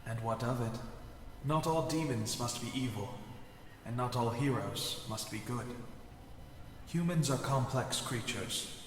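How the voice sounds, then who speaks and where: A man's voice: medium pitch, unhurried, slight background noise, lightly acted. A man playing a solemn otherworldly harbinger of judgment in a video game, speaking in formal, grandiose pronouncements. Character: solemn male otherworldly harbinger who judges the world. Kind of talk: scripted video game acting. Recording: echoey hall-like reverb.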